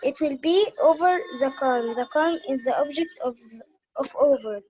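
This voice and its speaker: A student reading a sentence aloud in an online class, hesitant and stumbling over words. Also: female voice, sits high, normal speed, a little mellow. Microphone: video call. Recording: dull lo-fi video call audio.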